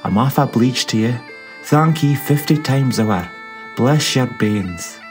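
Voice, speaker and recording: A man's voice: medium pitch, lively intonation, measured pace, a little mellow, faint music behind, close to an everyday voice. A man voicing Scrooge as a reformed, generous old miser, with a Doric Scots accent and a hearty, eager way of talking. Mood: grateful.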